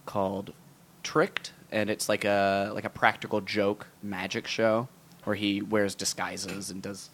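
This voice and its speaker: A man's voice: lowish voice, flat delivery, unhurried, fairly bright tone. A man talking casually as a guest magician, rambling with frequent restarts and ums. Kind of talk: casual podcast chat.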